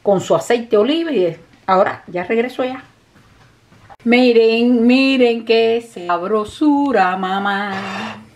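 A woman with a Cuban Spanish accent, chatting warmly to her viewers while cooking in her home kitchen, calling them "mi gente". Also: a little high. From Cuba. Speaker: cooking vlogger. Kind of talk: casual cooking vlog talk to viewers. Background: dishes, pots and pans clattering.

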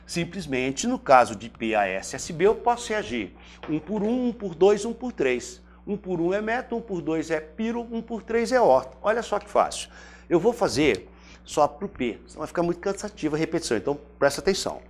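A man's voice: high voice, big pitch swings, brisk. A Brazilian man teaching chemistry in a chatty classroom lecture. He asks himself questions by name and repeats each step aloud. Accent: Brazilian Portuguese. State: throat briefly irritated.

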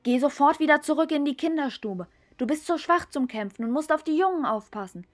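A woman's voice: high voice, animated, fairly quick, pitched above the performer's own voice. A woman voicing a young male warrior cat who gives urgent, commanding orders.

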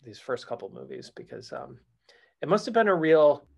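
A man co-hosting a podcast, talking about films in a halting way with many fillers. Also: fairly high pitch, very animated, creaky, a little mellow. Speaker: podcast co-host. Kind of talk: casual film discussion.

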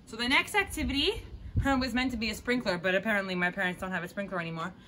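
A woman's voice: medium pitch, very fast, bright, forceful tone, a little hiss or hum. A young woman leading kids through backyard water games outdoors, jokey and bubbly, laughing often. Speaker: activity leader. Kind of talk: playful outdoor activity demo for kids.

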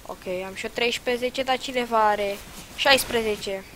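A young woman giving casual, excitable commentary over her own gameplay, with loud outbursts and muttered asides. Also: fairly high pitch, a little hiss or hum, low-quality recording. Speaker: gaming channel host.

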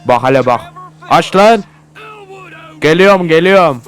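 A man giving casual gameplay commentary for his channel, swearing a lot and often yelling at the game in excitable bursts. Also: a little high, a little slow, soft background music. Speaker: gaming YouTuber.

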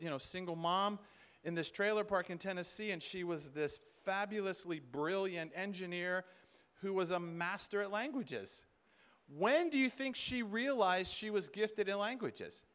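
This is a middle-aged man whose voice sits high with a fairly bright tone, delivering an informal sermon to conference attendees. He talks conversationally, repeats words, and acts out dialogue in a large indoor hall with a seated audience, heard through a distant camera at the back.

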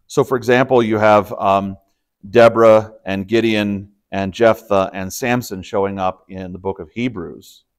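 A man's voice: lowish voice, steady tone, measured pace, clear, resonant tone. A man, a pastor, leading an informal Bible study, explaining in a conversational way with frequent fillers and restarts. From Texas. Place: church study room.

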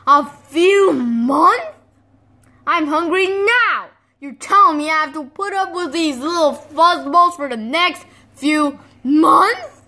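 A frustrated cartoon fox who wants to be a cruel beast but keeps whining instead. The voice is high and bright and swings widely in pitch. The delivery is slow and indignant. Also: female voice, big pitch swings, full character voice. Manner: whiny and indignant. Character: hungry fox trying to act terrifying.

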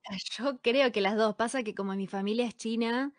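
A young woman with an Argentine accent answering interview questions from a small bedroom on a condenser mic, thoughtful and hesitant, pausing often to think. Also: on the high side, no room sound. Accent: Argentine Spanish. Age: young adult. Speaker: singer and model guest. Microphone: headphones with studio condenser mic.

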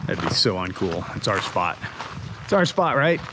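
A hiking vlogger in his forties talks outdoors in a creek canyon in a low voice with big pitch swings, at normal speed. He chats casually and jokes between laughs, recorded on a camera-mounted mic held at arm's length, with music behind him and background noise.

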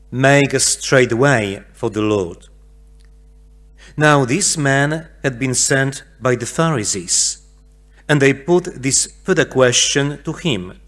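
A middle-aged man reads scripture as a priest at a church pulpit. His delivery is solemn and slow, at an average pitch, into a lectern microphone. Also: fairly bright tone. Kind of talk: solemn Gospel reading. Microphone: gooseneck lectern microphone.

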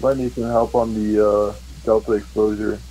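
A man's voice: lowish voice, flat delivery, normal speed, warm tone, poor audio. A man speaking casual fire radio chatter as a truck firefighter in a role-play game. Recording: faint hiss behind voice.

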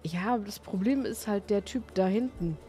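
With a warm, mid-range voice at normal speed, this woman streams a video game and chats casually and playfully throughout. The game's music can be heard faintly behind her.

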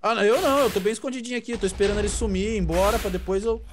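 A man with a high voice talks fast in a casual gaming chat, stumbling over repeated words. He sounds defensive, and a noticeable noise sits under his mic. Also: fairly even intonation. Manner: stammering, defensive. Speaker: gaming friend.

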